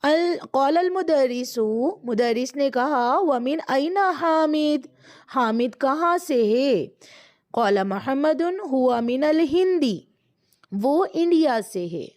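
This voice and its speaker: A woman with a Pakistani accent teaching an Arabic grammar lesson, who explains in quick bursts and slows right down to recite each word. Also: high-pitched, lively intonation, a little mellow. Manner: explains in quick bursts, drawls slowly when reciting words.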